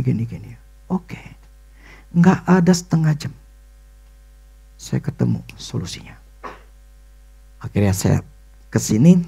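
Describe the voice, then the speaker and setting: A male pastor, preaching a sermon and telling a personal story in animated, excited bursts. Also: high voice, creaky, breathy edge.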